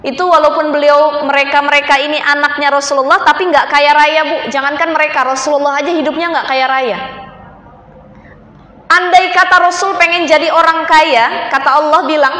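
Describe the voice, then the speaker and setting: A woman's voice: high-pitched, steady tone, normal speed, bright, forceful tone. A woman religious teacher, giving a chatty sermon to women in a mosque and often calling them "Bu". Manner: chatty, addresses audience as Bu. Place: mosque hall. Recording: echoey mosque hall.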